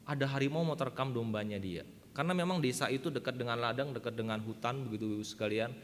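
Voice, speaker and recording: A man's voice: mid-range voice, fast, big-room sound, slight background noise. A man preaching a sermon, emphatic and often addressing the congregation directly, telling a story. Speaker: pastor. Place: church hall.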